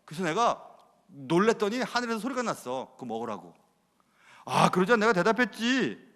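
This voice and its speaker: A man's voice: high-pitched, big pitch swings, moderate pace, fairly bright tone, full character voice. A man preaching in the first person as the apostle Peter, an impulsive grown man retelling his story in a chatty, candid way. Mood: eager recounting. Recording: reverberant church hall.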